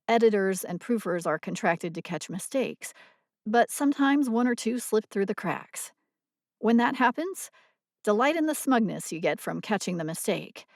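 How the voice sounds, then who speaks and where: A woman narrating a scripted audio blog in a measured, explanatory reading voice on a close mic. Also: mid-range voice, dry recording.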